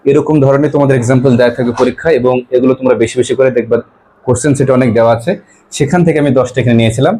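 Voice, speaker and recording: A male teacher, taking a grammar class. He asks his pupils questions over and over and repeats their answers back. He reads the English example sentences slowly and carefully. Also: medium pitch, steady tone, dark tone, a little hiss or hum. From West Bengal, India.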